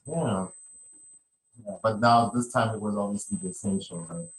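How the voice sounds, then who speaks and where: On his podcast, a man talks in a loose, conversational way, wandering off, repeating phrases and filling gaps with plenty of "you know." His voice leans low and his speed is normal, though the audio is poor.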